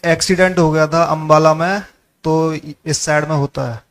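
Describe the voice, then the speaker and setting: A man's voice: fairly high pitch, steady tone, normal speed. Deferential man in his thirties. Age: 30s. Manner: deferential, short replies. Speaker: client. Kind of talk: consultation answers.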